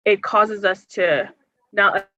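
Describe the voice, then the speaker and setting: A woman's voice: mid-range voice, fairly even intonation, slow pace, sharp tone, dry recording. A young woman from the United States, an organizer, earnestly answering forum questions with many hesitations and filler words. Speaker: health care organizer, forum guest speaker. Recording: dull, muffled sound.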